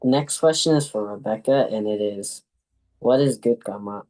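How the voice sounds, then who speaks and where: A man's voice: lowish voice, normal speed, mellow, rough recording. A young man reading a prepared talk as a student presenter in a class.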